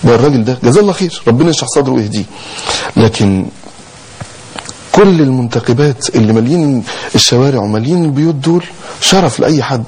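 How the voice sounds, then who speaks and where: A man's voice: medium pitch, expressive, fast talker, pauses often, a little mellow, slight background noise, poor audio. A man preaching in a sermon with an Egyptian accent, exhorting passionately and firing rhetorical questions.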